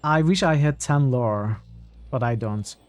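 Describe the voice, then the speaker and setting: A man's voice: medium pitch, unhurried. A man doing a casual game playthrough, reading the on-screen story aloud and commenting as he plays. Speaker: gameplay host reading the game text aloud.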